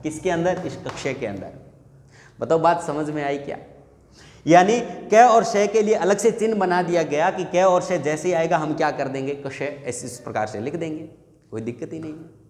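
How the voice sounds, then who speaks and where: A man's voice: on the high side, normal speed, a little mellow. A male Hindi teacher giving an exam-prep grammar lesson. He asks the students questions, answers them himself, and repeats the key points. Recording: echoey room with long reverb.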